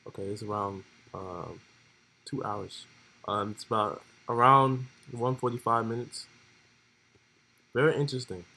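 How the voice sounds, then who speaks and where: A man's voice: lowish voice, fairly even intonation, unhurried, long pauses, pushed and bright, rough recording. A young man streaming, laid-back and joking as he reads role-play text aloud in casual commentary.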